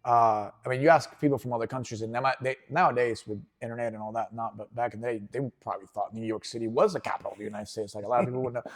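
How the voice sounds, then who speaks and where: A man in his forties from Venezuela, a jiu-jitsu instructor, telling his story in a relaxed, rambling way with many fillers and restarts. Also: medium pitch, very fast, few pauses. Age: 40s. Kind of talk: casual interview.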